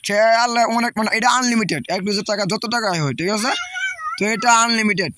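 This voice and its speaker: A man's voice: high-pitched, fast talker, noisy background. A man hosting a casual comedy vlog game, bossily calling time and sending players off. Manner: bossy, keeps shouting at players to move on. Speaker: game host.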